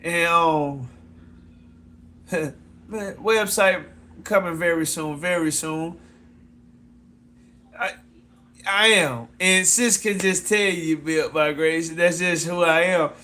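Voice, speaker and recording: A fashion designer pitches his clothing brand in a casual live chat with viewers, his voice a little high, pushed and bright, moving slowly with frequent pauses. He's loose and repetitive, breaking into whoops and laughs and repeatedly calling someone "sis."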